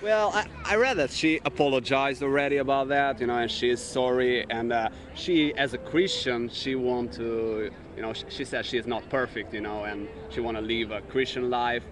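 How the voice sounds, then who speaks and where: A man's voice: mid-range voice, moderate pace, hardly any pauses. Albanian-accented man chatting outdoors. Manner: many fillers, "you know" and "uh". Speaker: co-host. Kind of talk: casual talk show chat. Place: outdoors in a city park. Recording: faint outdoor city noise.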